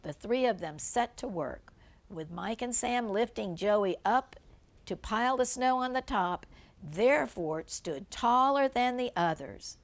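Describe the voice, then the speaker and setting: Her pitch sits fairly high, her delivery is expressive, and she keeps a measured pace. She is an older woman reading a picture book to children as a grandmother might, breaking off to point out details in the pictures plainly.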